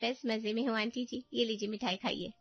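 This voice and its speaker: A woman's voice: fairly high pitch, fairly quick, dry recording. A woman voicing a cheerful young female cousin in a cartoon story, friendly and polite. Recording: dull dry voice-over with faint music.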